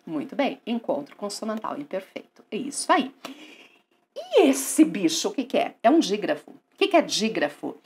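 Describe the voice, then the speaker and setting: Lively woman teaching grammar. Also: medium pitch, husky. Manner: lively, coaxing, asks and answers her own questions. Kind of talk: online grammar lesson.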